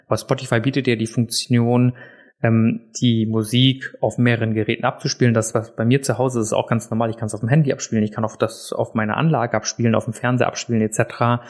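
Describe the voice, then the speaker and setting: Chatty man hosting a casual podcast. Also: medium pitch. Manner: chatty, self-deprecating, many filler sounds. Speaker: podcast host. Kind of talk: casual solo podcast chat. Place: seated indoors in a room set up for recording. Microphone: podcast mic on a desk, also filmed for video.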